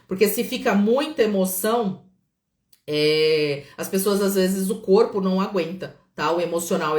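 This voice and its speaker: A woman with a Brazilian Portuguese accent, a therapist leading a calm guided healing session and checking in often with her listeners. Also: medium pitch. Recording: roomy echo.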